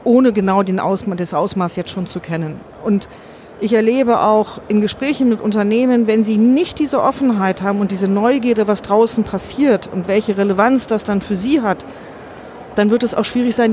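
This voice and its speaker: A woman giving thoughtful, earnest answers in an interview, measured and often correcting herself mid-sentence. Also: on the high side, darkish tone, a little hiss or hum. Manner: earnest and optimistic. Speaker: interview guest.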